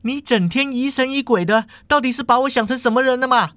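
A man voicing a quarreling young woman in a high, rapid, shrill voice. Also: fairly bright tone, no room sound. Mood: defensive.

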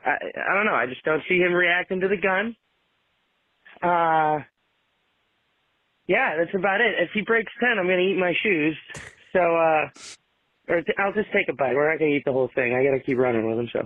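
A man's voice: fairly high pitch, fairly quick, long pauses, no room sound. A man leaving a casual voicemail for the hosts, rambling and hedging before a boastful sign-off. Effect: voicemail played over a phone line. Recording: dry, tinny phone-line voicemail.

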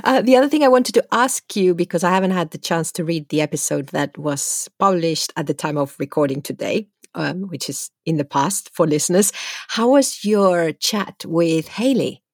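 Low-voiced woman co-hosting a podcast. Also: animated, normal speed, dry recording, studio quality. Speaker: podcast co-host. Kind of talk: casual podcast chat.

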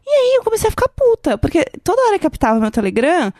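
A woman's voice: very high voice, wildly swooping pitch, rapid-fire, warm tone, dry recording. A Brazilian woman co-hosting a podcast, telling a story in a chatty, casual way, full of fillers and the odd swear word. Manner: chatty, lots of fillers, swears when annoyed. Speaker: podcast co-host.

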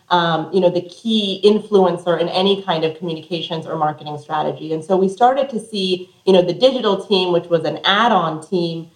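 The low-quality, roomy recording captures a low-ish female voice belonging to a middle-aged communications executive from Colorado in the United States. As an interview guest, she responds articulately and reflectively.

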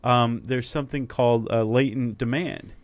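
A man's voice: mid-range voice, steady tone, normal speed, no echo. A man co-hosting a podcast in casual chat, explaining ideas in a talkative, thinking-aloud way. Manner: explanatory, chatty, many fillers and restarts. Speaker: podcast co-host.

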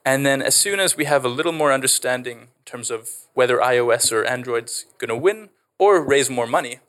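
A man's voice: medium pitch, a little fast, fairly bright tone. Enthusiastic man with a Canadian South African accent. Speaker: edtech founder. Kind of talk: podcast interview.

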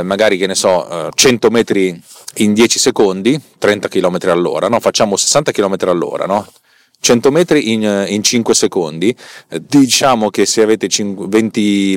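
Inside a car, a podcast host with a fairly low voice explains technical topics casually and off the cuff, with no room sound in the recording. He rambles and halts, often repeating words and correcting himself.

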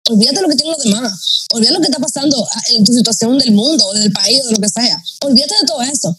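A woman's voice: a little high, quick pace, a loud crowd, low-quality recording. A woman from the Dominican Republic with a Dominican Spanish accent, an entrepreneurship mentor and podcast guest telling her own story and acting out her inner dialogue. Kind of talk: podcast conversation, personal storytelling.

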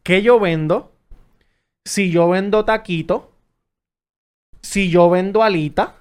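A man's voice: high voice, slow. A man with a Puerto Rican accent, co-hosting a casual podcast and ranting crudely with lots of restarts, in a studio. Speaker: podcast co-host and taco business owner. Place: professional studio.

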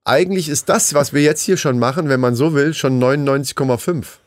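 A man's voice: medium pitch, a little fast, no room sound. A man co-hosting a podcast in casual, colloquial, joking banter. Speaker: podcast co-host.

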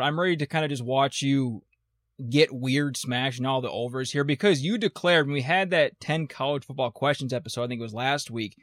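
A man's voice: mid-range voice, fairly bright tone, no echo, studio quality. A man co-hosting a casual sports betting podcast, blunt and teasing, with wry sarcastic jabs at his partner. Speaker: podcast co-host.

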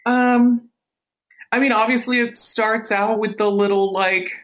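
A woman in her late thirties talking candidly and haltingly in an interview, her voice altered to hide her identity. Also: a little high, steady tone. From small town. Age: late 30s. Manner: hesitant, halting recollection. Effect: voice altered for anonymity. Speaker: anonymous interview guest.

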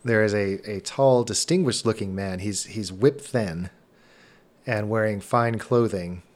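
Deep-voiced man narrating a tabletop game. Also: a little slow. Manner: descriptive, easygoing, laughs often. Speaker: game master.

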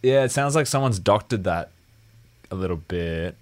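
A man's voice: lowish voice, lively intonation, moderate pace. A man co-hosting a radio show in a studio, laid-back as he explains the rules of the game. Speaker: radio co-host. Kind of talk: casual studio radio banter.

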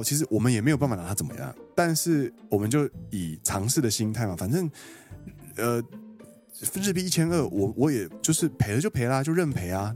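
A Taiwanese man in his thirties with a Taiwanese Mandarin accent, telling a story on a podcast. He talks quickly, his pitch swinging widely as he acts out the people in it. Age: 30s. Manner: animated, quotes people and acts out dialogue. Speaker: podcast co-host. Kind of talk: casual storytelling chat.

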